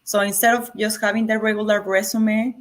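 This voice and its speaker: A woman's voice: mid-range voice, level tone, a little fast. Woman with a Mexican accent. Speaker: interview guest, coding school graduate. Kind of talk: casual interview answers.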